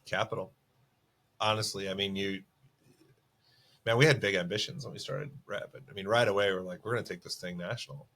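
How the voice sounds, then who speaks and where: A man's voice: lowish voice, fairly even intonation, fairly quick, long pauses, sharp tone. A middle-aged man co-hosting a casual business podcast, chatty and self-mocking, laughing often as he tells stories. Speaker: podcast co-host.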